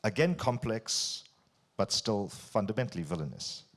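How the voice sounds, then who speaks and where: A man hosting an interview, putting prepared questions in articulate, deliberate phrases. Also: lowish voice, sing-song, a bit bright. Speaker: interviewer hosting an on-stage conversation.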